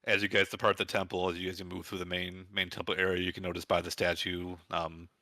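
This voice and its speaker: Game master role: a man with a low, bright voice, halting and easygoing narration, dry close sound. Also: no echo. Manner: relaxed, halting narration with restarts. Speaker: dungeon master.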